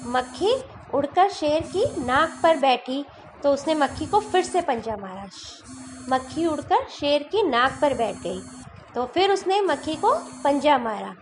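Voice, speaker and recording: Lady teacher reading a story to little kids, says everything twice in easier words, bouncy high voice. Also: big pitch swings, unhurried, a little hiss or hum. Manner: retells each line in simpler words. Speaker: schoolteacher. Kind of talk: storytelling lesson for children.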